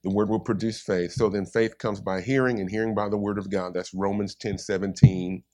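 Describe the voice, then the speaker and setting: A man's voice: on the low side, fairly even intonation, fairly quick, a little mellow. Man preaching a sermon. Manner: repeats points, calls to the congregation.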